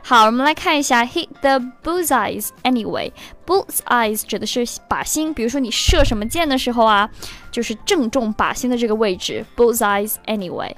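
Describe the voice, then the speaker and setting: Woman, English teacher, explains lyrics, repeats words slowly, higher voice, soft music underneath. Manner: slows down to spell and repeat words.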